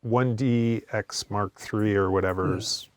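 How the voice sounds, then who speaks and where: A man's voice: fairly low pitch, steady tone, slow pace. A man co-hosting a photography podcast, chatting casually and animatedly, often restarting his sentences. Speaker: podcast co-host. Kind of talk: casual chat.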